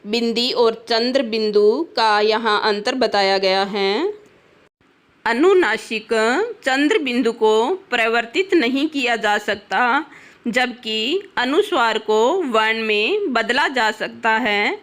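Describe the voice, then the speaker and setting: Female teacher, very slow deliberate dictation, a bit high-pitched, talks to kids. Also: expressive, a bit bright. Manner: deliberate, reads each word separately and addresses children. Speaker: Hindi teacher. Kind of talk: slow grammar lesson reading word lists.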